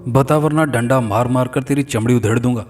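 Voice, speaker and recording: A man puts on a harsh, abusive police inspector who barks threats in a told horror story. The voice sits at a middle pitch and sounds a little distant from the mic. Soft music plays beneath it. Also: a little fast, natural voice. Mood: menacing. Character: brutal growling male police inspector.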